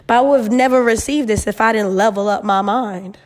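A woman's voice: medium pitch, fairly quick. A woman in her twenties chatting frankly and sassily as host of an advice show, swearing freely, with a digital echo from an empty room. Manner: blunt, sassy, heavy swearing, emphatic. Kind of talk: casual solo chat with advice, frank and slangy. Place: new, mostly empty apartment. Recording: echoey near-empty apartment room.

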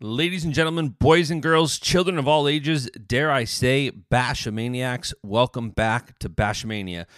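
A man's voice: mid-range voice, normal speed, hardly any pauses, a bit bright, clear, resonant tone, no room sound, studio quality. A man hosting a podcast, announcing in a showy ringmaster manner. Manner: showy ringmaster-style address. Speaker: podcast host.

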